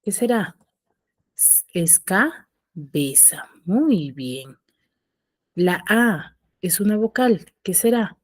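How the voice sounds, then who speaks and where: A woman teacher giving a class, slowly asking questions and answering them herself, her voice rising on questions and dropping low at the ends of phrases. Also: sing-song, no echo, studio quality. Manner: slow, patient, asks and answers her own questions. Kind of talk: recorded online class.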